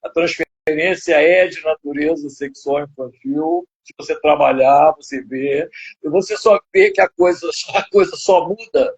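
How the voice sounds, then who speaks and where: A man's voice: fairly high pitch, expressive, a little slow, vocal fry, slightly rough. An older man with a Brazilian Portuguese accent, a psychoanalyst lecturing in a live video interview, rambling with many fillers and tag questions. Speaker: psychoanalyst guest. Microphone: video call. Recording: dull lo-fi web stream audio.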